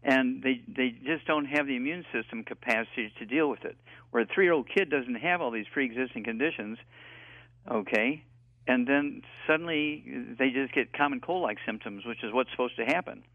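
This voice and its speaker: A man of eighty, a guest health expert on a call-in radio talk show, rambling and halting with many fillers over a tinny phone line. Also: medium pitch, no room sound. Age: 80s.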